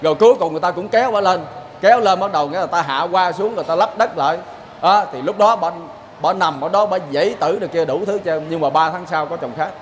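A Southern Vietnamese man delivers a sermon in a high-pitched voice, folksy and full of stories. He keeps turning to his listeners with quick rhetorical questions. A faint background noise sits under his voice. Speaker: Buddhist lay preacher. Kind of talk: sermon with storytelling.

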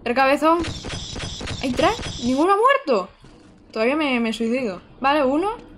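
Young female streamer, casual and chatty, voice on the higher side, light room noise. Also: sing-song, moderate pace, a bit bright. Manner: chatty, talks to chat while playing. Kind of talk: live gameplay commentary.

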